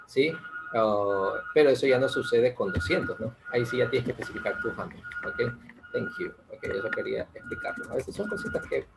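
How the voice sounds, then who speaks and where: A man, teaching English in an online class, joking and drawing out example words slowly, often checking in with "ok?". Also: mid-range voice, gravelly, background noise. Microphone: video call.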